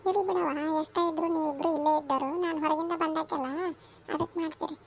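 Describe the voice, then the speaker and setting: A woman voicing a warm, chatty village mother with a North Karnataka accent, scolding and affectionate by turns, in a cartoon. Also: sits high, fairly even intonation, quick pace. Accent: North Karnataka Kannada. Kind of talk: cartoon voice acting.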